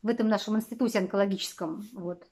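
A woman's voice: mid-range voice, fast, a little mellow, breathy edge. A woman in her forties from Russia chatting casually to camera in a rambling way, full of fillers and small laughs, in a small wood-panelled room. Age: 40s. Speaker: vlogger.

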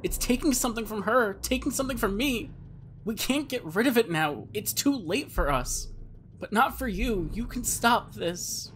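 A woman's voice: a little high, lively intonation, moderate pace, fairly bright tone, a little hiss or hum, voice pushed up. A woman reading a horror story, voicing a panicked, frightened middle-aged man on the phone whose tight, manic voice barks urgent commands. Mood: frantic.

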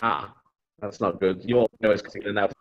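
A man giving a webinar presentation over conference call audio, talking haltingly with frequent ums and restarts. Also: on the low side, steady tone, muffled recording.

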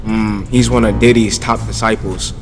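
A man voicing an excitable, boastful young man in a slangy, profane, overacted anime dub parody. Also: lowish voice, moderate pace, lightly acted. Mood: grave, awed. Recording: loud music behind.

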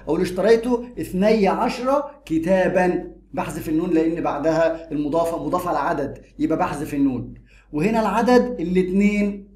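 A man's voice: sits high, roomy sound. A man with an Egyptian accent teaching an Arabic grammar lesson, repeating and drilling each rule as he goes. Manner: lively, repeats and drills rules.

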